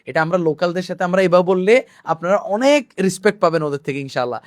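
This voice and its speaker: High-voiced man teaching phrases. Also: expressive. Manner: repeats phrases slowly and drills them, mixes in English words; sprinkles religious phrases through his talk. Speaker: Arabic language teacher. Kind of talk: language lesson video.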